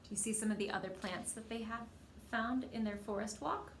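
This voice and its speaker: A storyteller with a slightly high voice reads a picture book aloud to young children at a fairly quick pace. She's expressive, acts out the dialogue, and asks her listeners questions. The room has an echo and faint background noise.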